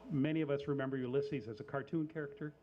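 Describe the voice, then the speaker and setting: A man hosting a live coffee house show, casual and halting, with lots of fillers and dry little jokes. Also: mid-range voice, steady tone, dull audio. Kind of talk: casual live emcee patter.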